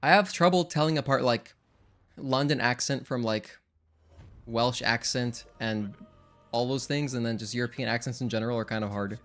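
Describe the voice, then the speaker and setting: A young man streams a game speedrun, chatting casually with viewers in rambling live-stream commentary and often correcting himself mid-sentence. His mid-range voice is a bit bright at normal speed, with faint game music in the background.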